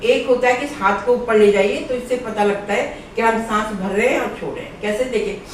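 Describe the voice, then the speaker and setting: A woman's voice: a little high, a little fast, slight background noise. A woman yoga instructor patiently guiding viewers step by step through breathing exercises. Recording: very echoey room, far from mic.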